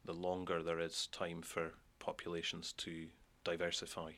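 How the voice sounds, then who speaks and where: A man giving an explanatory interview, thoughtful and filling pauses with "you know". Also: sits low, completely flat delivery, a bit bright. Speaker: expert interviewee.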